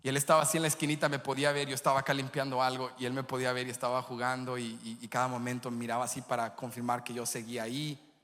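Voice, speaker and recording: Bright-voiced pastor preaching in an echoey church. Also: male voice, medium pitch, level tone, racing. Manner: impassioned preaching with vivid storytelling. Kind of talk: sermon. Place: church sanctuary.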